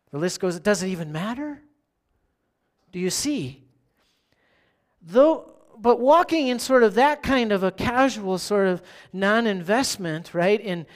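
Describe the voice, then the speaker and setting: A pastor giving a sermon in a conversational way, often asking the listeners questions and checking in with "right?". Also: medium pitch.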